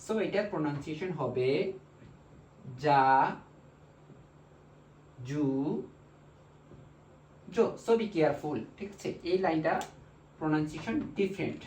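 A man with a Bangladeshi Bengali accent teaching a language lesson, slowly drilling syllables one by one. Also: on the high side, a little mellow, slight background noise. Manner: slow, repetitive drilling of syllables. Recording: echoey room, mic far off.

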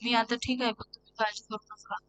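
Woman speaking as a gentle patient young wife. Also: on the high side, a little fast, lightly acted. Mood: placating. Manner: soft, self-talk, pleading. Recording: steady background hum.

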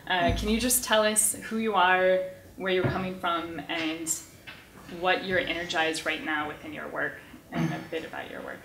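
A woman's voice: on the low side, steady tone, moderate pace, fairly bright tone. A woman chairing a conference panel, talking loosely with many fillers. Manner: filler-heavy, loosely structured speech. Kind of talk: moderating a panel discussion. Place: conference hall stage. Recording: echoey hall with faint noise.

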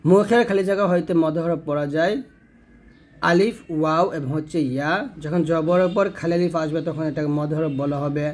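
A man teaching Quran pronunciation, sounding out each Arabic letter slowly and then explaining how the tongue and throat should move. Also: a little high, fairly even intonation. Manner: self-corrects mid-lesson.

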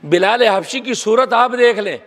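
A man, a mufti, preaching an expressive sermon. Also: sits high, moderate pace. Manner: expressive, mimics skeptics' voices when quoting them. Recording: long hall reverb.

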